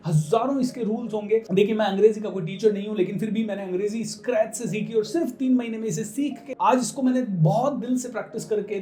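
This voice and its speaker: Guy teaching english word stress in hindi, drags words out slow, echoey room. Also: high-pitched, mellow. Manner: slows right down to drill words, stressing syllables. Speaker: spoken English coach. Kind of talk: casual Hindi lesson on English pronunciation.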